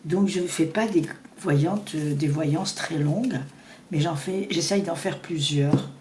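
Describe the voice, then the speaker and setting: A woman doing a casual tarot reading, talking fast and rambling with many restarts. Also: sits low. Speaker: tarot reader. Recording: echoey room with faint noise.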